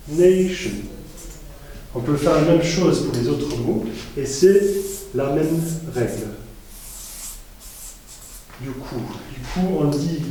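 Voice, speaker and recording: A man teaching a lesson at a board, pausing often with fillers and restarting his phrases. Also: on the high side, warm tone, a little hiss or hum. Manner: hesitant, many euh fillers and restarts. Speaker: English teacher. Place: classroom with a board. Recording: echoey room, mic far off.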